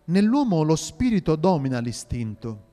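Man doing a deep, gentle holy friar. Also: sing-song, moderate pace. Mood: solemn. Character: humble gentle saint, devout and serene. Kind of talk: audio drama reading. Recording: reverberant hall with faint music.

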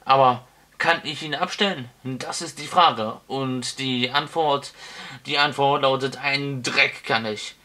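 A man voicing an ancient, toothless male wizard in an audiobook, booming, rambling and giggly. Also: fairly even intonation, slow, pushed and bright. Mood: jovial. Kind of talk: audiobook character voice.

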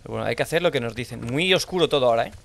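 A young man with a Spanish accent from Spain, playing a horror game and thinking aloud in low mutters, now and then shouting out. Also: animated, very fast, gravelly. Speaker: gaming streamer. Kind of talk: horror let's play commentary.

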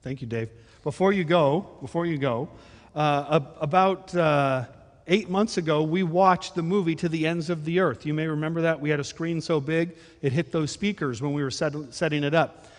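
A man's voice: on the high side, moderate pace. A middle-aged man, a pastor, giving friendly church announcements and leading a prayer in a large sanctuary, speaking into a handheld mic with easy fillers. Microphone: handheld microphone. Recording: long reverb of a church hall.

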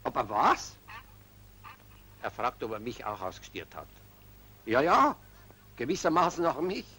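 A baffled official, stammering and exclaiming over every surprise. His husky, bright voice swings widely in pitch, in an old film soundtrack from the 1940s. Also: wildly swooping pitch, a little slow, heavily acted. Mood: hesitant. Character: bewildered, fussy male official.

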